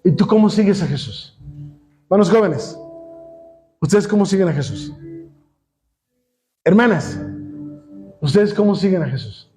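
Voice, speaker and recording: High-voiced Mexican pastor preaching. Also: male voice, expressive, unhurried, pauses often, warm tone, faint music behind. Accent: Mexican Spanish. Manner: preachy, rhetorical questions, keeps addressing the congregation. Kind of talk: sermon.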